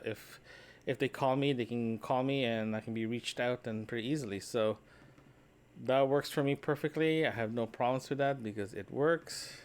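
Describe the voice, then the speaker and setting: A man with a mid-pitched voice records a casual, rambling solo audio diary as a podcast host and vlogger. His talk is loose and conversational, drifting between thoughts and often ending points with a quick "right?"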